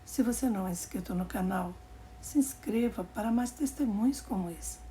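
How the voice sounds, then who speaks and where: Woman narrator, mellow and slightly gravelly, for a calm, measured religious testimony reading. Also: mid-range voice, a little hiss or hum.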